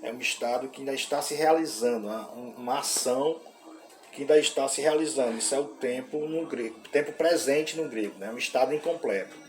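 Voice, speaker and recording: A man with a Brazilian Portuguese accent explains Greek grammar in a relaxed classroom lecture. He speaks at a middling pitch, often ends a phrase with a questioning "né?" and pauses on fillers. A faint hiss of background noise runs under his voice. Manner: frequent "né?" tag questions and hesitant fillers. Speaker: Greek teacher.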